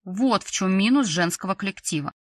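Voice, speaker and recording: A woman's voice: medium pitch, animated, fairly quick, dry recording, close to an everyday voice. A woman reading an audiobook, voicing a stern, sarcastic female school director with a curt, grumbling manner.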